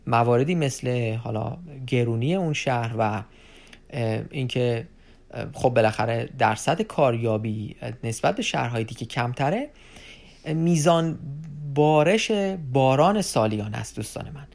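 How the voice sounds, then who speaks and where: A man's voice: medium pitch, a little mellow. Man explaining at an easy, hesitant pace. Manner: unscripted explaining with many filler pauses; addresses listeners as friends. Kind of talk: informational video talk.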